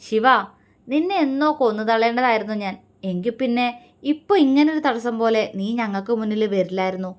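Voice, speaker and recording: A woman's voice: a little high, fairly quick, darkish tone, close to an everyday voice. A woman voicing a scheming young man who taunts and threatens the others. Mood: sneering. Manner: sneering and taunting.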